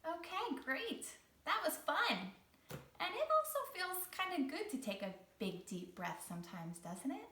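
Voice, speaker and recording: A woman with a very high, very animated voice and a sharp tone speaks at a measured pace as a children's read-along host and teaching artist. She guides young kids through an exercise and story, theatrical and encouraging, phrasing each line with care. The mic is far away in an echoing room, with a little hiss or hum.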